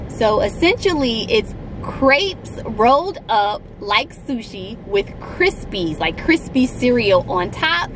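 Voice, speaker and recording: A woman's voice: on the high side, big pitch swings, background noise. A woman co-hosting a food vlog, chatting casually and enthusiastically while tasting a dessert. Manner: enthusiastic, drawn-out delivery. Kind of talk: casual food review chat.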